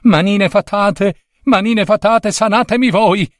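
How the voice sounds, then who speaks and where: A man voicing a blind young prince in a fairy tale, crying out high and excited, repeating himself. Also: moderate pace, slightly rough, no echo, clean studio sound, heavily acted. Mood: pleading.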